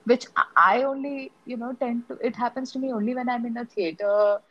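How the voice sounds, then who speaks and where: A woman's voice: a little high, fairly even intonation, fairly quick, lo-fi sound. A woman with an Indian accent in casual, opinionated conversation about films, as a co-host. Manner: opinionated, switches between English and Hindi. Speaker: podcast co-host discussing films. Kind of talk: casual conversational film discussion.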